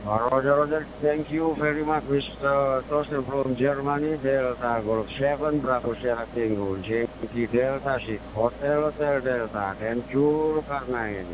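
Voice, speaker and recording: A man calls in over a ham radio link, his voice muffled and lo-fi and cut through by bursts of loud static. He speaks formally, reading out call signs letter by letter. He keeps repeating his thanks in an ordinary mid-range voice. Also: mid-range voice, fairly even intonation, moderate pace, hardly any pauses. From Indonesia. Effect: heard over a digital ham radio link with static bursts. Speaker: amateur radio operator. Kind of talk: ham radio contact exchange. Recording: dull lo-fi radio audio with loud static noise.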